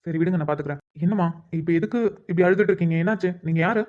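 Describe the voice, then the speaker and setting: A woman voicing a calm, reassuring male police inspector in a cartoon, speaking steadily and with authority. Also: on the low side, very fast, narrow, tinny audio, lightly acted. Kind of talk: cartoon voice acting.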